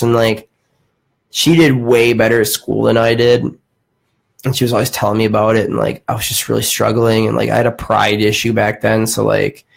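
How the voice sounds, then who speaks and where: A man in his late twenties, with a gravelly, creaky edge to a voice of ordinary pitch, tells a long story in casual podcast chat. He rambles and swears freely, leaning on "like" as he goes. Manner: rambling, profane, heavy use of "like". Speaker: podcast host.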